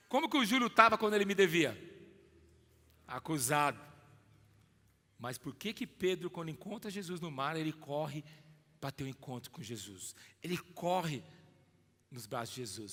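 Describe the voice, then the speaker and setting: Emphatic preacher, bright and ringing. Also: male voice, on the high side, big-room sound. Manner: emphatic, addresses listeners by name, swings loud to hushed. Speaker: pastor. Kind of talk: sermon.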